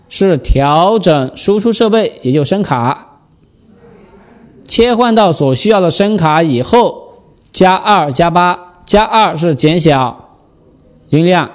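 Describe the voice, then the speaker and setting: A man giving a step-by-step software tutorial, explaining and patiently repeating the key steps. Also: fairly high pitch.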